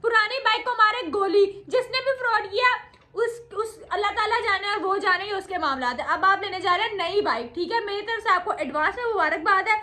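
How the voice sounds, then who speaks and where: Teasing young woman with a very high voice. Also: fairly quick, pushed and bright. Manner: teasing, joking. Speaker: vlog host. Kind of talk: casual teasing chat.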